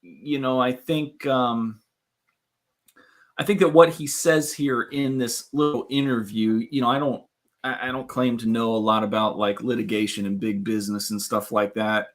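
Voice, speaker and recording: Male host, mid pitch, chatty, often laughing, casual talk show. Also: steady tone, moderate pace. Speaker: podcast host. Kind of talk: casual chat.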